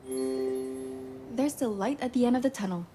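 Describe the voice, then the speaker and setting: A woman's voice: medium pitch, very animated, unhurried, mellow, soft background music. A woman playing a plucky, eager young female sleuth in a mystery video game.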